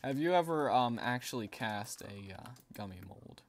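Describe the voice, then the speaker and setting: A man's voice: mid-range voice, animated, normal speed, slight background noise. A man livestreaming a game, chatting casually and rambling while reading out viewer messages, laughing now and then. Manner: rambling, chatty, laughs often and reads out chat. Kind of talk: casual gaming stream chat.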